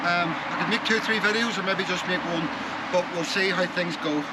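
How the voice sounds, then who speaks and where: Heavy background noise and loud music surround the fairly quick, high voice of a travel vlogger with a Northern Irish accent. He's from Northern Ireland and rambles casually to his vlog, drifting off and jumping to new thoughts midway.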